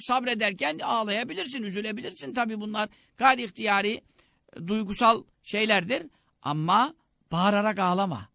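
Male preacher, high bright voice, dry close mic, emphatic sermon delivery. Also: dry recording. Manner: preaching with rising emphatic exhortations. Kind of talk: religious sermon on radio.

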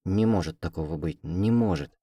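A man's voice: low-pitched, moderate pace, dark tone, breathy edge, no echo. A man voicing a frightened young woman who has woken up in a strange world, pleading and close to tears. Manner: pleading, tearful.

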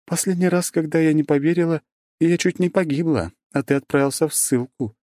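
A man's voice: a little high, fairly quick, warm tone, dry recording, clean studio sound, voice pushed up, close to an everyday voice. A man voicing a wry young empress. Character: proud young empress, sharp-tongued.

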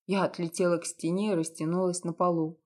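A woman with a somewhat low voice narrating a first-person audiobook novel. Her reading is even and expressive. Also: a little fast.

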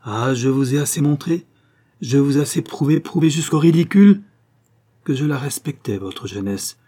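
A man's voice: mid-range voice, normal speed, mellow, husky, close to an everyday voice. A man voicing an earnest young man declaring his love, with pleading, emphatic phrasing, in an audiobook reading. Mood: impassioned.

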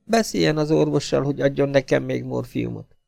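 A man reading an audiobook voices a middle-aged actress dependent on morphine, talking erratically and swinging between sharp outbursts and hushed murmurs. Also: medium pitch, fairly even intonation, creaky, dry recording, studio quality, soft background music, pitched above the performer's own voice. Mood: feverish.

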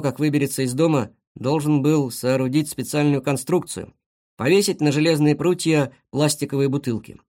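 A reader narrating a children's animal story with an expressive reading. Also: medium pitch. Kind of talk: audiobook storytelling.

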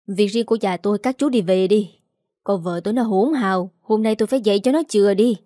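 A woman's voice: medium pitch, fast, dark tone, no echo, studio quality, close to an everyday voice. Woman narrator doing a domineering village husband, harsh, storybook drama. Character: angry violent middle-aged husband, gruff.

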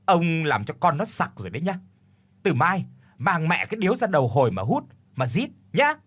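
Man putting on a shrill cruel wife. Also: animated, normal speed, sharp tone. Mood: whiny scolding. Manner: whiny, bossy, screeching. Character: shrill spoiled pregnant wife, middle-aged, cruel.

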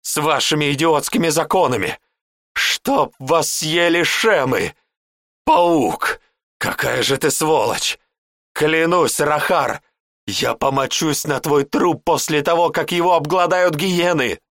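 A man voicing an enraged male warlock who screams curses in a high strained voice. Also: very animated, slow pace, a bit bright, dry recording, clean studio sound, exaggerated voice. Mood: furious. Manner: screaming curses, shrill with rage.

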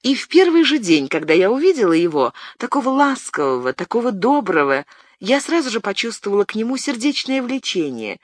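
A young noblewoman in love speaks through an audiobook, as the reader lifts the voice well above their own. Her lines are earnest and pleading, and her pitch swoops about with feeling. The sound is close and dry. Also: very animated, fairly quick, dry recording. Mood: tender. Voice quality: higher, lighter voice. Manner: tender and pleading. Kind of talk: audiobook narration.

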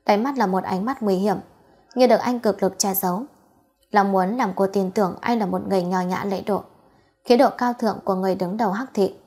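A woman narrates a romance novel at a steady, even pace, her voice husky and a little breathy. The delivery is a plain, scripted audiobook reading. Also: medium pitch, brisk.

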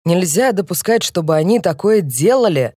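A woman's voice: fairly low pitch, animated, normal speed, warm tone, husky, no echo, clean studio sound. A woman voicing a sad, trembling old man. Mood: apologetic. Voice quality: trembling, downcast. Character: sad elderly man, retired finance director.

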